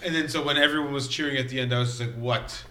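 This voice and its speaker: A man's voice: mid-range voice, fairly even intonation, racing, a crowd in the background. A middle-aged man chatting casually about movies, laughing as he talks and mimicking others. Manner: laughing, mock-voicing others. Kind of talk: casual chat. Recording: roomy echo.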